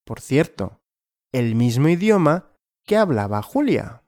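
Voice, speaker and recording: Slow, animated male language teacher. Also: medium pitch, no room sound, clean studio sound. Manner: slow, clear and repetitive, asking and answering his own questions. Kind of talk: question-and-answer story lesson.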